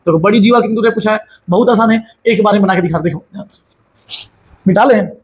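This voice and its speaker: A man's voice: high-pitched, fast talker, breathy edge, highs cut off. A man explaining a maths lesson in a colloquial, teasing way, often answering his own questions as if a student had asked them. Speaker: maths teacher. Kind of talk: casual classroom explanation.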